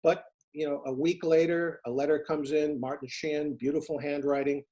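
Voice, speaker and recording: A middle-aged American man sits for a casual interview, his voice a touch higher than most. He tells his stories earnestly, stumbling over restarts and fillers as he goes. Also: flat delivery, normal speed, mellow. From United States. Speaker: interview guest, former FBI agent turned private investigator.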